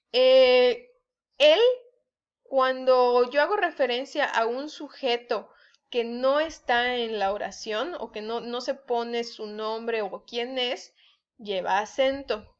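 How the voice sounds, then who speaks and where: A woman explains spelling rules to her students at a very slow, careful pace. Her voice sits a little high, and she keeps checking in with the class as she acts out example sentences. The recording sounds dull and lo-fi. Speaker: teacher.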